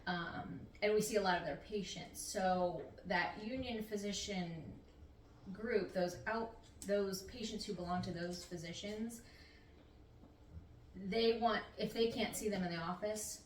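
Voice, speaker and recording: A middle-aged woman who is a nurse practitioner talks through interview questions in a relaxed, talkative, somewhat rambling way. She has a medium-pitched voice and a measured pace, heard through a distant mic in a roomy setting with faint noise.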